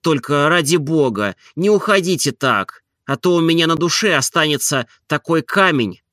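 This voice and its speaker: A man reading an audiobook, voicing a timid, lovesick gentleman who talks slowly, softly and pleadingly. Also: fairly high pitch, lively intonation, no room sound, clean studio sound, pitched above the performer's own voice. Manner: slow, soft and pleading.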